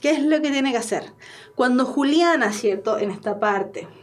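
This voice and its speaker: A woman with a Chilean accent teaching an exam-prep lesson, talking casually and checking in with tag questions. Her voice is high. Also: lively intonation, moderate pace. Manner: chatty, explaining with tag questions.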